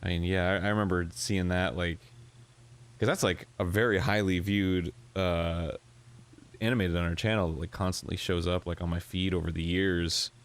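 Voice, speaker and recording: A man co-hosting a casual chat, excitable and giggly. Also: deep voice, normal speed. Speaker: co-host.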